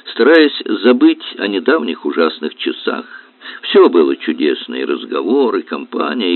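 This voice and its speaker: A man reading a detective novel aloud in measured, even scripted narration. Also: on the low side, dry recording. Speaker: audiobook reader. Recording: dry, tinny phone-like sound.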